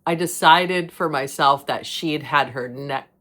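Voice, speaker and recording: Middle-aged woman host, low voice, chatty and rambling, laughs often. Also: unhurried, bright, forceful tone. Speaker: podcast host. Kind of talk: casual monologue.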